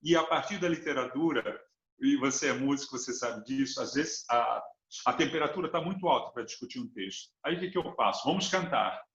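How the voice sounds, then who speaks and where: A man's voice: medium pitch, expressive, a little fast, a bit bright. A man from Brazil speaks with a Brazilian Portuguese accent as an interview guest. His talk is earnest and reflective, and he builds his points with examples. The recording sounds roomy and a little dull.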